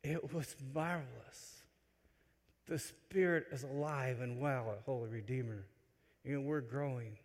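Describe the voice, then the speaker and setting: A man delivering a homily in a church, telling stories with animated swings between loud excitement and quiet asides. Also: mid-range voice, unhurried. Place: large church. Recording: long church reverb. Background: church hall.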